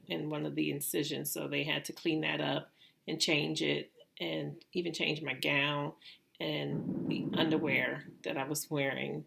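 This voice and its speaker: A middle-aged woman with a gravelly voice, telling a personal story casually and haltingly, like a vlogger. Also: low-pitched, fairly bright tone. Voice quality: gravelly, creaky voice. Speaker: vlogger recounting own surgery.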